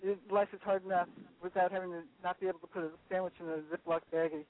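A woman's voice: lowish voice, little pitch movement, quick pace, no room sound. A woman in her fifties on the phone, eager and repeating herself for emphasis. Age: 50s. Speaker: guest caller. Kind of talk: casual phone chat. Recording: dry phone line.

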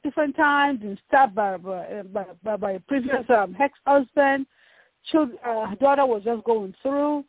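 Her voice is on the high side with a breathy edge and no room sound: a Nigerian-accented ministry founder from Nigeria, earnestly discussing her work in a casual interview. She often repeats words as she searches for the right ones, heard through a muffled phone line.

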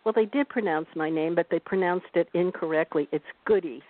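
A woman's voice: fairly low pitch, a little fast. Gracious woman guest on a phone line. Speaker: guest author and professor. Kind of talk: interview answers. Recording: tinny phone line, a bit distant.

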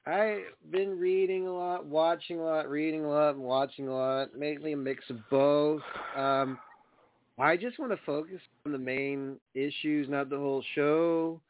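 A man hosts a casual radio talk show in a slightly high voice. He rambles informally and uses plenty of slang. The sound is dry and narrow, like a phone call. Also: steady tone, a little slow, no echo. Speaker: wrestling radio show host. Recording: thin phone-like line.

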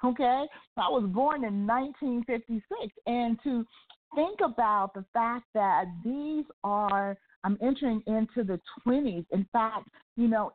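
Older woman hosting faith talk by phone. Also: fairly high pitch. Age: 60s. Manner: effusive, repeats phrases for emphasis. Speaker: talk show host and church elder. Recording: tinny phone line.

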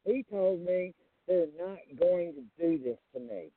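A middle-aged man phones in, his voice muffled as if coming through a wall and squeezed thin by the phone line. He speaks a little high and with lively rises and falls, hammering points home with an emphatic "okay?". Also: measured pace, no room sound. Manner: emphatic, keeps asking "okay?". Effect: muffled, as if through a wall, from a dropped handset mic. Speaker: call-in guest. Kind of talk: casual phone-in chat.

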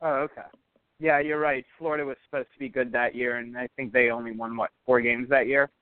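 A man's voice: medium pitch, flat delivery, a little fast, smooth, dry recording. A man calling in to a sports show over the phone, asking eager, rambling questions. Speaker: caller. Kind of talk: sports call-in chat. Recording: tinny phone line.

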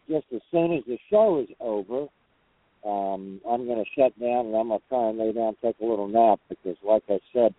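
Male trucker host, lowish voice, folksy and rambling, casual radio chat from a parked cab over a narrow phone-grade line. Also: no echo. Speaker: host of a truckers' talk show. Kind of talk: casual call-in talk show chat.

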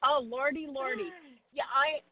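A woman's voice: high-pitched, normal speed. A woman caller on a hands-free phone call from her car, chatty and apologetic, laughing often. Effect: hands-free phone call from a moving car. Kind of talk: casual call-in chat. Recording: tinny car speakerphone line.

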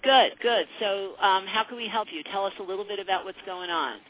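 A woman's voice: mid-range voice, a little fast. A woman hosting a call-in advice radio show, conversational and reflective, repeating phrases, with narrow phone-like sound. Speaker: psychic advice radio host.

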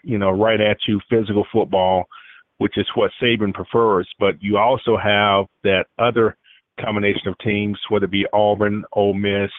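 A low-voiced man comes through a landline phone call, thin and boxed-in like an old handset, with no room around his voice at all. He speaks haltingly and often repeats a word before he goes on. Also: level tone, no room sound. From Alabama, US South. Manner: halting, repeats words as he searches. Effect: heard over a landline phone. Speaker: caller. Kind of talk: sports radio call-in chat. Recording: tinny dry phone line.

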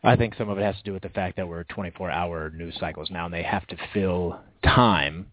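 A man's voice: deep voice, fairly quick, dry recording, phone-quality sound. A man co-hosting casual sports talk, hedging his opinions and saying "like" often.

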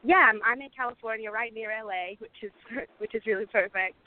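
A woman's voice: fairly high pitch, a little fast. A young woman born in Lebanon, a singer answering interview questions in a casual, grateful way with many fillers. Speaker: guest singer. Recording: tinny phone-like line.

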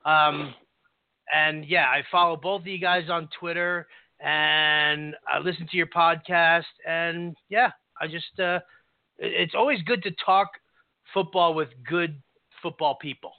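A male guest analyst with a clearly high voice chats casually. He comes through a dry, tinny phone line with little room sound. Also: steady tone, measured pace, no echo. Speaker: guest fantasy football analyst. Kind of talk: casual chat.

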